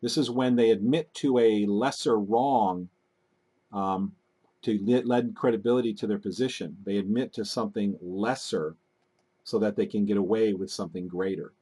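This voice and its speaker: A man commenting on video clips in a deliberate, analytical way, with frequent fillers. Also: fairly low pitch, mellow, husky. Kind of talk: casual commentary.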